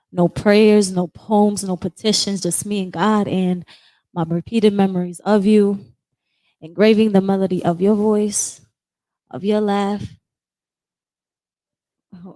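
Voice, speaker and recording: Sharing at an open discussion, a poet with a high, girlish voice speaks softly and emotionally, a little apologetic, as she tells a personal story and then reads a poem. The recording carries no room sound.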